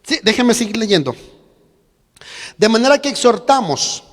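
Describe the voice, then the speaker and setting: A man preaching a sermon as pastor, animated and emphatic, acting out quotes and repeating phrases. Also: extremely high pitch, measured pace. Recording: long reverb of a church hall.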